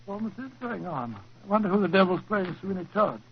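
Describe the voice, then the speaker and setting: A man's voice: high-pitched, expressive, fast. A man playing an earnest, fussy English doctor, the loyal companion of a detective, in a 1940s radio drama. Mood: astonished. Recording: muffled, noisy old 1940s radio recording.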